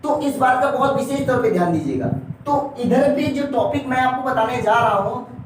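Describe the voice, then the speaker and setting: A man's voice: very high-pitched, distant mic. A man teaches an exam-prep class, constantly tagging his points with a questioning "right?" and addressing his students fondly. His voice rings around a hard, very echoey room. The mic sits well away from him, with a faint hum underneath. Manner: keeps adding a questioning "right?" tag and calls the viewers dear children. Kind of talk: exam-prep lesson at a board.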